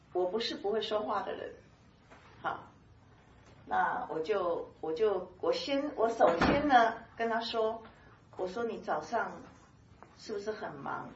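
A woman's voice: mid-range voice, dull audio, slight background noise. Chatty woman teaching, echoey and distant. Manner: lively, chatty, laughs often, many soft filler particles. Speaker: Bible teacher. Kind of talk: conversational sermon teaching.

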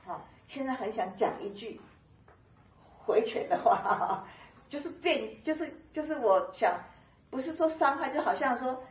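A woman gives an informal Bible teaching in a fairly high voice, chatty and animated, laughing often between her points. She sounds distant from the microphone, in a roomy, echoing space. The recording is muffled and dull. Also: a little slow. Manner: lively, chatty, laughs often, many soft filler particles. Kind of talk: conversational sermon teaching.

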